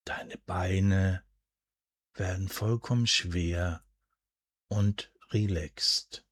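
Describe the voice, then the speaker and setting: Male, deep and husky, near-whispered sleep hypnosis narration, soothing and unhurried, very dry close sound. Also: steady tone, no echo. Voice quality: breathy, soft, at times near a whisper. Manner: soothing, hushed, deliberate, with drawn-out pauses. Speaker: hypnosis and relaxation guide.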